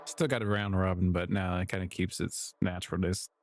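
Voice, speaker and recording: A man's voice: low-pitched, level tone, a little fast. A man casually talking to himself while building music samples, rambling and correcting himself with small chuckles. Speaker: music producer streaming his work. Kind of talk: casual commentary while working.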